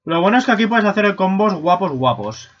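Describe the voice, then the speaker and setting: Excitable young gaming streamer. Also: male voice, sits high, a little fast. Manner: excitable, swearing, bursts into shouts and silly voices. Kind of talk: casual let's-play commentary. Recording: lo-fi stream mic audio.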